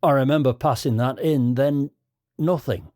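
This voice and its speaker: A man voicing a calm, practical young man who leads his friends, with a British accent. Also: medium pitch, moderate pace, no echo, clean studio sound, pitched above the performer's own voice, lightly acted. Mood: concerned.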